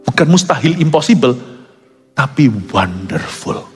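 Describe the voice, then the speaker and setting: A male pastor preaching emphatically, mixing English phrases into his sermon and swinging from low asides to loud high peaks. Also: big pitch swings, unhurried, breathy edge. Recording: long hall reverb with soft music behind.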